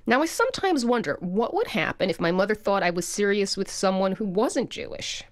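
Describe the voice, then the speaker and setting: Woman, comic storyteller, expressive pitch, personal narration, no room echo. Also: brisk, clean studio sound.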